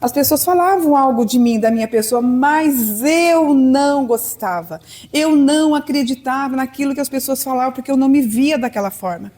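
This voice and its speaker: A Brazilian-accented woman in her sixties preaches to a congregation. She tells her own story in a warm, conversational way and acts out bits of dialogue. Her voice sits a little on the high side. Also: normal speed. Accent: Brazilian Portuguese. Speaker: pastor. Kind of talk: sermon testimony.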